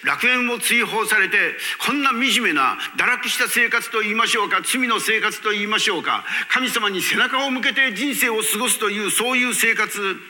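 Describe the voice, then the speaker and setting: A male pastor delivers a sermon with a sharp, bright and fairly high voice. He preaches emphatically, swinging from loud peaks to quiet asides. His voice hangs in the long reverb of a church hall. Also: moderate pace, few pauses.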